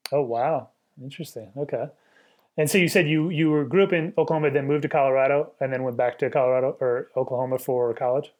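A man co-hosting a podcast, asking guests questions in a relaxed, thoughtful way, often trailing off quietly. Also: mid-range voice, quick pace, lo-fi sound. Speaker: podcast co-host. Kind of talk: conversational interview.

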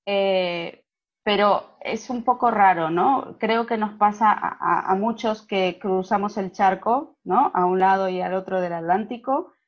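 A woman's voice: medium pitch, unhurried. A woman from Buenos Aires with an Argentine accent, a Spanish teacher chatting at length as an interview guest, with many fillers. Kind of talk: casual interview chat. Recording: dull lo-fi audio.

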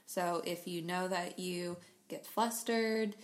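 A woman's voice: fairly low pitch, steady tone, slow pace. A woman co-hosting a podcast, chatty and playful, laughing easily in casual talk. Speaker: podcast co-host. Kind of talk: casual chat.

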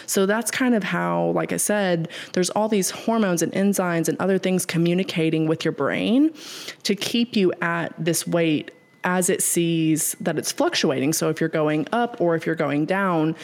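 A woman podcast host explaining how the body regulates weight, step by step, who trips over long words and laughs it off. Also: on the low side. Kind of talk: casual explanatory podcast talk.

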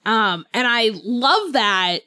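This woman co-hosts a podcast, and her voice is fairly high, sing-song and slow, with a bright, forceful tone. She chats about books in a smooth, easygoing, informal way, chuckling readily, and there's no echo.

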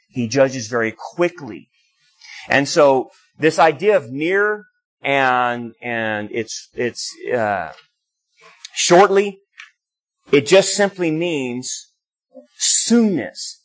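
A man's voice: mid-range voice, low-quality recording. A man preaching a sermon as a pastor, explaining scripture in a teaching manner with frequent restarts.

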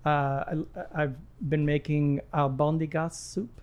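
The speaker is a gym client in his sixties from Lebanon, chatting as a guest with friendly, rambling talk full of restarts. His fairly high voice is level, measured, darkish, clear and resonant. The recording has its highs cut off.

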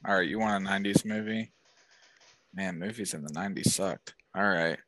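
A man's voice: deep voice, a little fast, a bit bright, no echo. A man chatting casually and improvising a goofy story, laid-back and profane, full of "like" and "bro".

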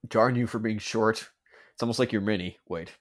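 A man's voice: on the low side, fairly even intonation, fairly quick. A man co-hosting a casual film commentary with playful, teasing asides.

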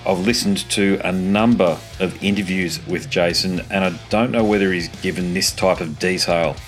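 A man's voice: deep voice, normal speed, faint music behind. An Australian man hosting a podcast in an informal, matey, conversational way. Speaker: podcast host and interviewer.

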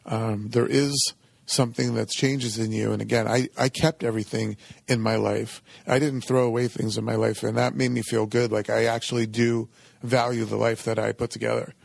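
A middle-aged man speaks with a pronounced creak in an ordinary male register. He sounds close and dry, sharing personal reflections as an interview guest in an informal, halting, conversational way. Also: mid-range voice, flat delivery, no room sound. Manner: halting, informal, frequent "you know". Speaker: interview guest, company executive.

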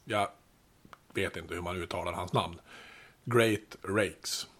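Male podcast host, low husky voice, casual storytelling narration. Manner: relaxed, chatty explaining with asides.

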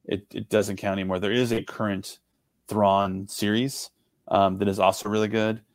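A man's voice: fairly low pitch, flat delivery, normal speed, dry recording. A man co-hosting a podcast, chatting casually and rambling with many fillers and restarts. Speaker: podcast co-host. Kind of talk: casual chat.

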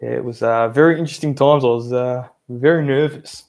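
A man talking casually on a podcast, at a middling pitch for a man. He rambles through his story, full of ums and restarts. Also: fairly quick, gravelly, darkish tone, slight background noise. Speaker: league member guest.

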